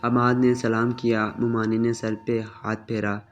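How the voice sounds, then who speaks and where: A man narrating a romantic family drama in a steady, scripted storytelling voice. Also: mid-range voice. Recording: slightly dull with soft music.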